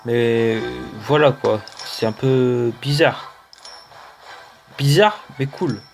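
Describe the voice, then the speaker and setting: A French-accented man gives relaxed gameplay commentary at an unhurried pace. He hesitates often and fills gaps with soft fillers. Upbeat game music plays clearly behind his voice. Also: mid-range voice. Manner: hesitant, many "euh" fillers, slow and unhurried. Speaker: gaming channel host. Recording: music playing under the voice.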